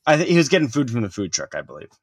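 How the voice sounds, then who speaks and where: A man's voice: mid-range voice, sing-song, rapid-fire, husky, dry recording. A man co-hosting a casual podcast chat, telling a story animatedly with lots of swearing and "like" fillers. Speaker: podcast co-host.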